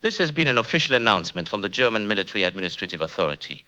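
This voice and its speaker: A man's voice: lowish voice, very animated, rapid-fire, bright, forceful tone. A man voicing a cold, clipped occupation-authority announcer reading official orders over the radio. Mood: cold, commanding.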